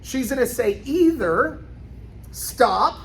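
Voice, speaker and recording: A woman's voice: fairly high pitch, animated, a little slow. A woman teaching a children's karate class, explaining each step and often checking in with an okay. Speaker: karate instructor. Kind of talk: instructional demonstration for a children's class. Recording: roomy echo, clear background noise.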